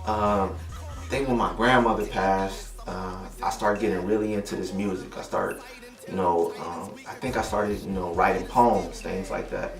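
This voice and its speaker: A young Detroit rapper chats laid-back and slangy in an interview, often asking "you know what I mean." His voice is deep and steady, moving at a moderate pace. The mic sits at a distance in a roomy space, with music playing behind him.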